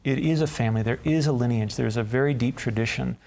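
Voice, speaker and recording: Reflective man with a gravelly voice. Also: medium pitch, fast talker, darkish tone. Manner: reflective with fillers. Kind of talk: promotional interview.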